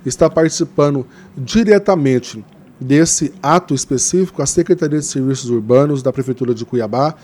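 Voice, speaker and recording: A man's voice: medium pitch, moderate pace, darkish tone. A man giving interview answers as a guest, earnest and hesitant with many fillers, growing impassioned as he speaks. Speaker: interview guest, Green Party member organizing a river cleanup.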